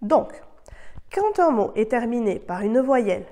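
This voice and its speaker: A woman whose first language is French, giving a scripted online Spanish lesson in a clear, measured way and modeling the words. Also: on the high side, sing-song, dark tone. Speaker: Spanish teacher.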